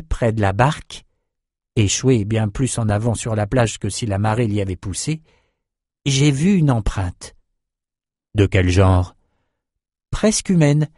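A man's voice: medium pitch, darkish tone, no echo, studio quality, lightly acted. A man reading the part of a young male islander who tells, half mocking himself, how he was lost at sea. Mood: eager. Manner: earnest, self-mocking storytelling. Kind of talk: audiobook character reading.

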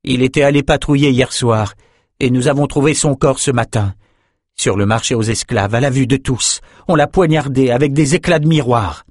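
A man's voice: medium pitch, normal speed, dry recording, studio quality, voice pushed up, lightly acted. A man voicing a frightened, distraught palace guard in an audiobook, urgent and pleading. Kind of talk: audiobook character voice.

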